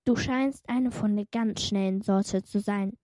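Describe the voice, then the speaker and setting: A woman's voice: medium pitch, fairly even intonation, a little slow, warm tone, no room sound, clean studio sound, close to an everyday voice. A woman voicing a small, cheeky young female demon who teases in a sarcastic way. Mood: teasing. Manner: teasing, sarcastic.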